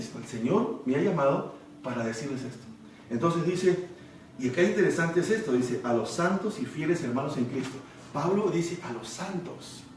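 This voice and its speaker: A man's voice: fairly high pitch, a little mellow, a little hiss or hum. Man, pastor, bible study sermon, explanatory, rhetorical questions, heavy room echo, distant mic. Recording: echoey room, mic far off.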